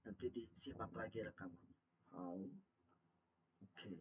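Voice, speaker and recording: A man's voice: on the low side, measured pace. A man teaching a Mandarin vocabulary lesson. He talks patiently, repeats each word and asks his learners questions. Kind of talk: online language lesson.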